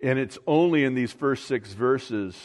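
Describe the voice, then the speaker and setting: Slow-preaching man in a reverberant hall. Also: mid-range voice, a little mellow. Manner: teaching, stretches key words slowly for emphasis. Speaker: pastor. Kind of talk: sermon.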